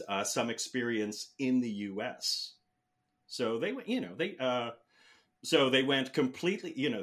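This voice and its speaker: A man's voice: mid-range voice, fairly bright tone. A man in his fifties from the Philippines, a guest telling his story in a rambling, chatty way with many fillers and restarts. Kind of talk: casual interview talk.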